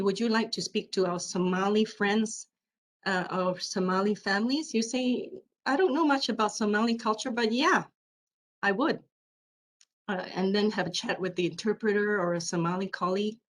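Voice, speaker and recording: A woman giving a keynote presentation online, speaking loudly by habit and repeating her points for emphasis. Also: medium pitch, a little hiss or hum, low-quality recording. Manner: animated, repeats herself for emphasis.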